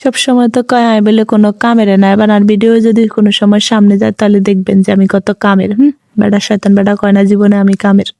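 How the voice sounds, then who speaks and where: A woman's voice: medium pitch, level tone, quick pace, creaky, dark tone, no room sound, clean studio sound. A woman with a Chandpur Bengali accent narrating her home cooking video in a chatty, rambling, self-deprecating way. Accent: Chandpur Bengali dialect. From Bangladesh. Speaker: cooking vlogger. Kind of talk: casual voice-over narration.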